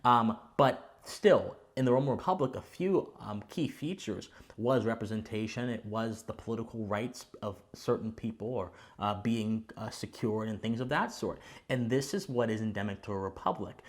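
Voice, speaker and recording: A man's voice: lowish voice, moderate pace, few pauses. A man hosting a commentary channel, explaining to viewers in a didactic, formally worded way with emphatic stress on key words. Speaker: host of a political commentary channel.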